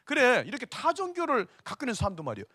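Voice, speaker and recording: A man in his fifties, a pastor teaching an evangelism seminar, who tells stories and keeps prompting his listeners with a quick "eh?". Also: very high-pitched, slightly rough, dry recording, studio quality. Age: 50s. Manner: animated storytelling, constant tag "eh?" to the audience. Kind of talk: evangelism seminar lecture with storytelling.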